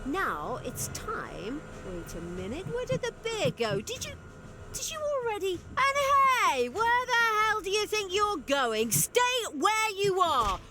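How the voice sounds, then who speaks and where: An actress playing a bossy, impatient evil dark commander in a video game, with a scornful, theatrical, commanding delivery. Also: female voice, very high voice, sing-song, unhurried, full character voice. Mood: incredulous, angry. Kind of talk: video game character acting. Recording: loud music behind the voice.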